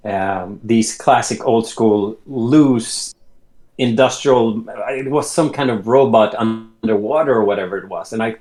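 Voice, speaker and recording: A Swedish man in his late thirties tells his life story as an interview guest in a casual conversation. He takes his time and often restarts his sentences. His voice is fairly low in pitch with a darkish tone.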